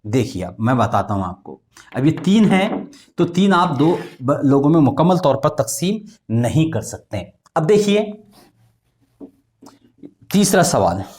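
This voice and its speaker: A man with explains arithmetic in a slow, patient classroom manner. He poses questions to the pupils and chants times tables in a singsong. His voice swings widely in pitch, rising on questions and dropping low at the ends of lines. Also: very animated, darkish tone. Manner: recites multiplication tables in a singsong way. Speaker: math teacher. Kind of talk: classroom lesson.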